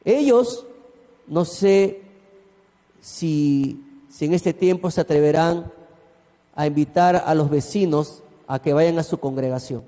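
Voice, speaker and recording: A man's voice: on the high side, mellow. A man, a pastor preaching a sermon and telling a story with asides to his congregation. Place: church hall. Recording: long church hall reverb.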